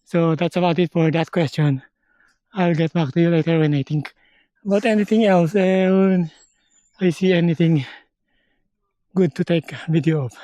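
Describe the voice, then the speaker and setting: A man from the Philippines vlogging a forest hike, explaining things slowly in short halting phrases, sometimes out of breath. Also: a little high, fairly even intonation, warm tone, no room sound. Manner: slow, halting, explains step by step. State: out of breath at times. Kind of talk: casual hiking vlog. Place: outdoors on a forest trail.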